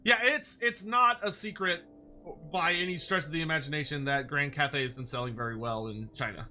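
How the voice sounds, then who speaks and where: Male game streamer, forceful bright voice, slightly high, wry and casual, music underneath. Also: a little fast. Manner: wry, playful, swears casually. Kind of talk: casual gameplay commentary. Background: music behind the voice.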